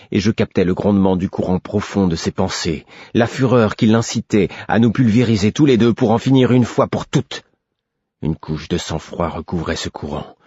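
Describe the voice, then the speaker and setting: Deep husky guy narrating an audiobook, steady and grave, dry dull-ish sound. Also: no echo. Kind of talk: scripted first-person narration.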